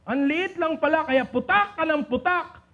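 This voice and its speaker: A man with a very high voice teaches a seminar, playful and teasing, calling on people in the room by name. The recording is dull and lo-fi. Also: normal speed, bright, forceful tone. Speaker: seminar speaker. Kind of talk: lecture on communication to a live group.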